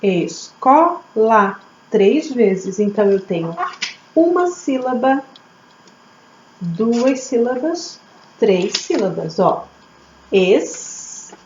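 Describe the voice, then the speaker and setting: Lively woman teaching syllables. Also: a little high, takes it slowly, pauses often. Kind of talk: early literacy lesson for children. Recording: echoey room, slightly dull audio, faint hum.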